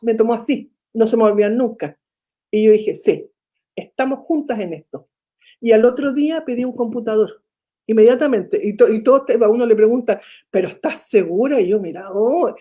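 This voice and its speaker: A middle-aged Chilean woman, a foundation founder and mother, telling her story in an interview and acting out the dialogue she quotes. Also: a little high. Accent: Chilean Spanish. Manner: animated, acts out quoted dialogue.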